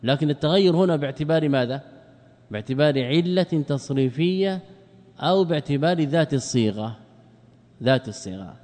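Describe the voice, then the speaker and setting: A man with a fairly high, slightly mellow, expressive voice teaches Arabic grammar in a large hall. He raises rhetorical questions and answers them, easing his pace whenever he spells out word forms.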